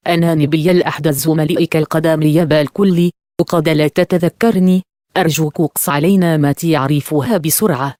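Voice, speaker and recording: A woman voicing an earnest young man in an audiobook, speaking in a hurried way. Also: low-pitched, fairly even intonation, warm tone, dry recording, studio quality, close to an everyday voice.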